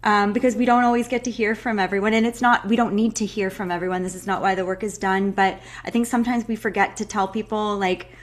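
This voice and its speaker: A woman's voice: medium pitch, steady tone, quick pace, hardly any pauses. A young woman hosting a live online breathwork call, chatting casually and effusively with many filler words. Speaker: breathwork facilitator.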